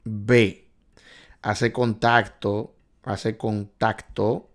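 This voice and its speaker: A man's voice: lowish voice, vocal fry. A man hosting a casual live stream, quizzing viewers on driving test questions and reading their answers aloud. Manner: excitable, reads out viewers' answers, jokes and scolds.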